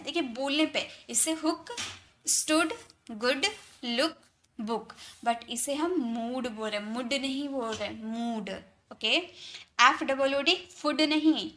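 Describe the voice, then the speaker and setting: Bright-voiced Indian woman teaching spelling. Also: a little high. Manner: spells out letters slowly, repeats each word several times. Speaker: English teacher. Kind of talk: spelling and pronunciation lesson.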